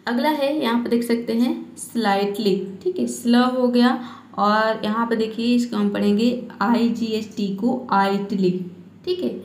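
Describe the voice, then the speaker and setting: Echoey-voiced woman teaching English spelling. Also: fairly high pitch. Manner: patient, repeats each point with "ठीक है". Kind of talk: explaining spelling and pronunciation rules. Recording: echoey room.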